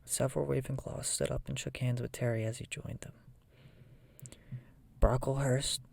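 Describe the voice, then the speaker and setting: A person reading a children's fantasy novel aloud in a soft, breathy ASMR whisper. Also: medium pitch, level tone, normal speed, no echo. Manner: soft whisper, often voiceless.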